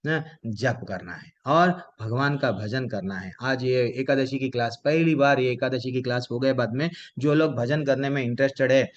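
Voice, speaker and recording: A man teaching a devotional class online. His voice sits at an ordinary middle pitch and comes through muffled, lo-fi call audio. He poses rhetorical questions and answers them himself. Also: normal speed, few pauses. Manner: addresses listeners with devotional honorifics.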